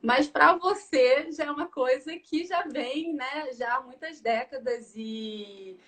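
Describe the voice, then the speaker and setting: A woman's voice: high voice, slow, fairly bright tone. Chatty woman host. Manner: chatty, fills with frequent tag questions. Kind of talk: live video interview.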